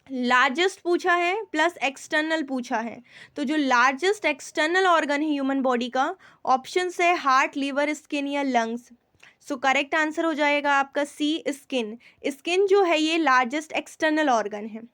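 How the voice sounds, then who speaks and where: Going over general knowledge questions with her class, an Indian-accented quiz teacher speaks in a high-pitched, slightly bright voice. She blends Hindi and English, reads each question slowly, and often checks that students understand.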